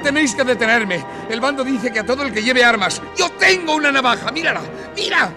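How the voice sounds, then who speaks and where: A desperate young man, high-pitched and wildly expressive, cries out in defiance and then pleads tenderly. in a radio play, with music running behind the voice. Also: fairly quick. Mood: furious. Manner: impassioned, shouting accusations. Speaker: lead actor. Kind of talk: radio drama acting.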